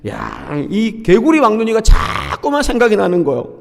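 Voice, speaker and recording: A man's voice: high voice, normal speed, gravelly. A middle-aged man preaching a sermon as pastor of a church, leading the congregation to repeat lines and sometimes singing. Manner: animated preaching with call-and-response and sung lines. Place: church sanctuary. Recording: long church hall reverb.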